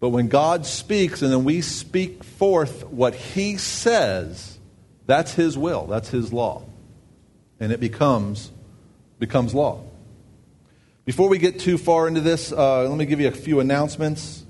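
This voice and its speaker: A man's voice: fairly high pitch, lively intonation, unhurried, a little mellow, slightly rough. A man, a pastor, giving announcements and a sermon in a conversational way, thinking aloud with fillers and restarts.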